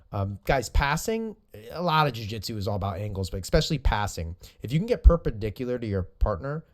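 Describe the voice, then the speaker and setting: A man's voice: fairly low pitch, darkish tone. Easygoing man breaking down grappling rounds. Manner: easygoing, rambling, self-correcting. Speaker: jiu-jitsu coach breaking down rounds. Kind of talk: casual video commentary.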